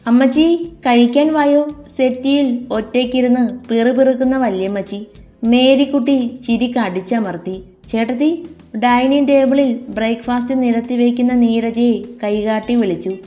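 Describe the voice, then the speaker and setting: A woman's voice: a little high, moderate pace, warm tone. A woman reading a family love story aloud and voicing every character herself. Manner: shifts tone between narration and dialogue. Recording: faint music behind the voice.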